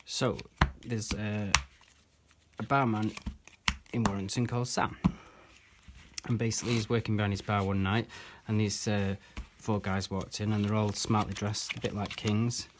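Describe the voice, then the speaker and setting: A man's voice: on the low side, level tone, normal speed, noisy background. A man telling a rambling story as patter for a card trick, stringing quotes together with "he says". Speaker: magician.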